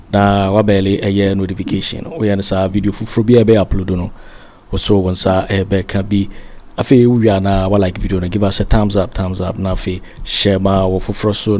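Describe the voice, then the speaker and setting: A man's voice: deep voice, dark tone. A Ghanaian man hosting an online show, asking viewers to subscribe before the news. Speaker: show host. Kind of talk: channel intro and news lead-in.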